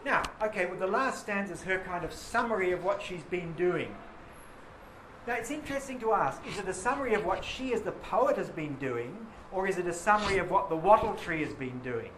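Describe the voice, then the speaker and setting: A man's voice: high-pitched, animated, a little fast, fairly bright tone, a little hiss or hum. A male teacher leading a poetry lesson in a classroom, enthusiastic and full of praise for his students. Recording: roomy classroom echo.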